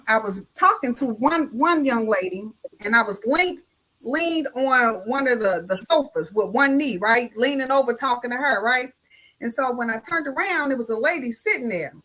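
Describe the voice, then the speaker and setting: A high-voiced woman tells a story as a guest on a live talk show, doing the voices of each person in it. Her tone is bright and ringing, her speech casual and colloquial, with open talk of faith. She comes through a video call. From Illinois. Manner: lively storyteller who acts out each voice in the tale. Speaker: notary guest.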